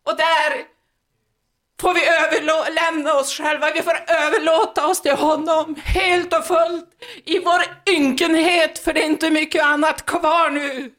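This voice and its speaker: Woman preaching at a church meeting, high voice, fervent and emphatic. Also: flat delivery, a bit bright. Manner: fervent, emphatic, with breaks of laughter. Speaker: speaker at a testimony meeting. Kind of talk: sermon-like testimony.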